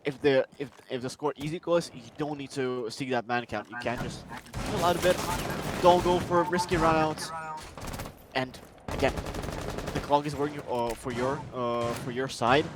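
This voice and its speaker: A man giving color commentary on an esports match, often hesitant, then rising with excitement on the plays. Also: medium pitch, moderate pace. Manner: hesitant, many fillers and restarts, rises to excitement on plays. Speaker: esports analyst. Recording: noisy game stream with gunfire.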